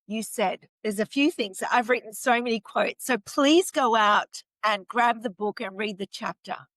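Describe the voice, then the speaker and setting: A woman hosts a talk show, speaking slowly with a fairly high voice, effusive and moved as she reads quotes aloud. She lingers with dramatic pauses. The sound is dry and close, as on a video call. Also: a bit bright, no echo, rough recording. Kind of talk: warm interview reading quotes.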